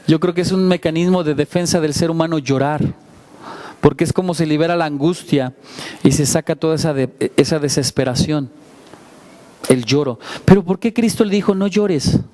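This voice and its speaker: High-voiced man preaching conversationally. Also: normal speed, dark tone. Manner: conversational preaching with frequent rhetorical questions; self-deprecating asides. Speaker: pastor. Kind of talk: sermon.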